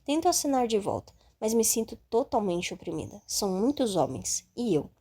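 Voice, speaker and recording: A woman reading a first-person audiobook in a calm, steady way. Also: a little high, normal speed, breathy edge. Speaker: audiobook narrator.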